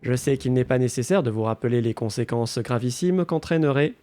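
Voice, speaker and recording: A man's voice: medium pitch, fairly quick, dark tone. A man putting on a robot voice to read the messages of a cold, formal corporate AI overseer while playing a game. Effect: robot voice, put on by mouth without any filter. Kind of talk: reading in-game text aloud while streaming.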